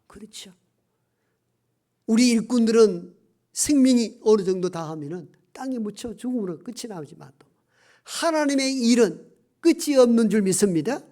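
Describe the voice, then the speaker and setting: A pastor delivers a sermon in a voice of middling pitch, pressing hard on some lines and dropping to a near-whisper on others. Key phrases are stretched out slowly for weight. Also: expressive. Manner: swings between emphatic raised lines and hushed near-whispers.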